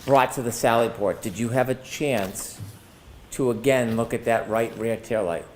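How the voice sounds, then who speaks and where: A man's voice: mid-range voice, normal speed, a little mellow, slight background noise. A man working as an attorney, questioning a witness in court in a formal, methodical and precise way. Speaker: prosecuting attorney.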